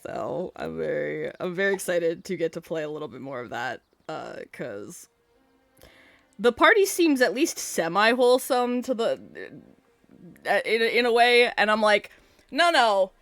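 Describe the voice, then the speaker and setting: Bubbly woman with a lively voice. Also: on the low side, a little slow, vocal fry, no echo, faint music behind. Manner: bubbly, laughs often. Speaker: player and game master. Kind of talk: casual chat after a tabletop game.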